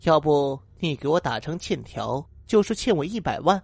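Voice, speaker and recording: A man's voice: a little high, very animated, moderate pace, gravelly, slightly rough, no echo, exaggerated voice. A man voicing a sly, scheming young woman in a told ghost story, with a mocking, coaxing way of talking. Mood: coy, scheming.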